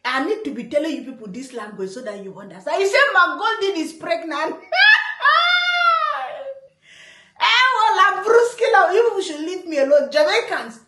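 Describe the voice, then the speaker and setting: A Nigerian woman gives playful, teasing reaction commentary on a clip, often bursting into laughter. Her voice is very high, a bit bright and jumps around a lot, and the room adds a noticeable echo.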